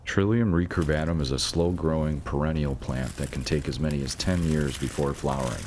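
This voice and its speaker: A man giving a measured, scripted narration of a nature video, with dry asides now and then. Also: a bass voice, fairly even intonation, noisy background. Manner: measured, informative, dry asides about pronunciation.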